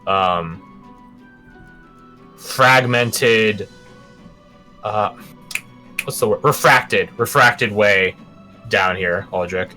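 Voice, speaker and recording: Bright-voiced male game master over music. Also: fairly low pitch, extremely slow, pauses often. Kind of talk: narrating a tabletop game, scripted-sounding description mixed with casual asides.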